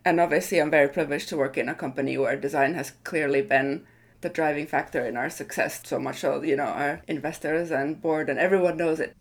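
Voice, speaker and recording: This design leader's voice is deep and steady, her pace a little quick. Being interviewed, she reflects thoughtfully and keeps hedging, taking care to qualify what she says.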